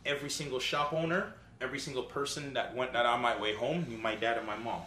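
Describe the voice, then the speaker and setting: A man's voice: mid-range voice, steady tone, fast, bright, forceful tone, a little hiss or hum. A man from Jamaica, co-hosting a casual debate and insisting on his point, often repeating himself and talking over others. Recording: roomy echo, faint ambience.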